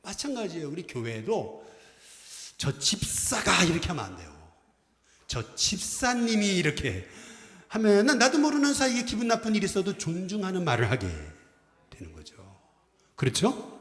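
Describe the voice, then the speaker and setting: Speaking briskly in a voice that sits high, a middle-aged senior pastor delivers his Sunday sermon in the church sanctuary. He leads the congregation in call-and-response greetings and acts out quoted phrases with lively energy, while long reverb fills the echoey hall.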